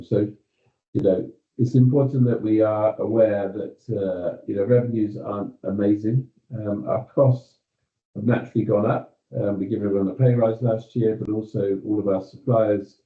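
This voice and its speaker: A man's voice: lowish voice, roomy sound. British man on a muffled video call. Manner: measured, with frequent ums and you-knows. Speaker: company executive. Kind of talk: staff meeting update.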